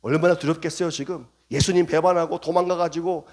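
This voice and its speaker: A man's voice: fairly high pitch, steady tone, fairly quick, darkish tone. A male pastor preaching a revival sermon in a church, acting out dialogue in shifting voices. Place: church sanctuary.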